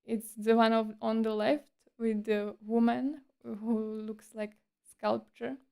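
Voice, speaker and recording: A woman with a fairly high, clean voice chats casually to her livestream. She takes her time between phrases, keeping a playful, breezy and teasing streamer persona. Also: flat delivery, slow pace, gravelly, mellow, clean tone.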